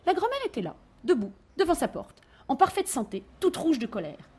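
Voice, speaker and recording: A woman reading a children's tale aloud, with expressive, animated narration. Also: high voice, a little fast. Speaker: storyteller.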